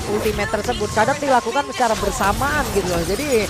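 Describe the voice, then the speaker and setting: A man with an Indonesian accent giving live esports commentary in colloquial language, breaking into excited calls. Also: high voice, fast. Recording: music behind the voice.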